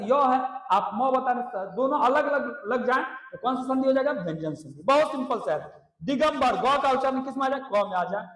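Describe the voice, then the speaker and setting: A man teaching Hindi grammar for exams, drilling rules by asking questions and answering them himself. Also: very high-pitched. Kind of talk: exam coaching lesson. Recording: echoey room.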